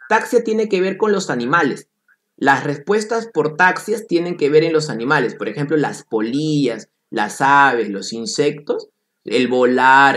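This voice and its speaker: A man's voice: medium pitch, fairly bright tone. A man teaching an exam-prep biology class in Peruvian Spanish, playful and repeating key points while calling on students.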